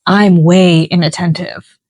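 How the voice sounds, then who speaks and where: A woman's voice: on the low side, fairly even intonation, unhurried, darkish tone, no room sound, rough recording. A woman co-hosting a podcast, chatting casually in a rambling, self-deprecating, jokey way. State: just recovered from flu. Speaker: podcast co-host. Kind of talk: casual chat.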